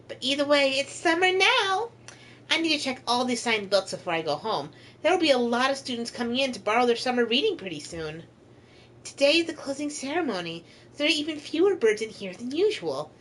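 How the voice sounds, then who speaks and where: High, lively woman reading game text. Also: a little fast. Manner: animated, playful, giggly narration. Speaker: streamer playing a visual novel. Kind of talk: reading game text aloud, casual stream chat.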